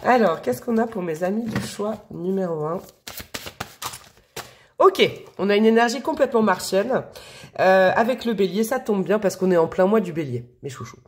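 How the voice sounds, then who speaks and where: A woman's voice: mid-range voice, expressive, moderate pace, darkish tone. A woman giving a casual tarot reading to camera. She is chatty and affectionate, fills her talk with asides and fillers, and sounds a little sniffly from allergies. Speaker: tarot reader.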